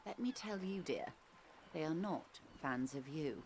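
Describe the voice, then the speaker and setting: A woman voicing a poised, worldly negotiator who speaks smoothly and articulately with gentle irony. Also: deep voice, expressive, a little slow, slight background noise. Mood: explanatory.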